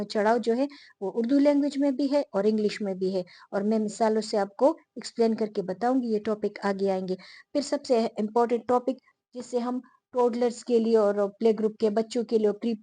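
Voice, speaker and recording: Mellow-voiced woman teacher explaining slowly. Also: on the high side, dry recording. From Pakistan. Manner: unhurried, many restarts and fillers, repeats terms slowly. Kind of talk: explaining lesson to camera.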